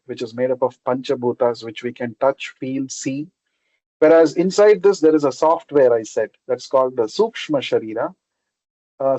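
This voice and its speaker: A man's voice: mid-range voice, a little mellow, no echo. A man from South India with a Telugu Indian accent gives an explanatory religious lecture as a spiritual teacher, repeating key terms and checking in with short questions. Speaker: spiritual teacher giving a scripture class. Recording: dull lo-fi sound.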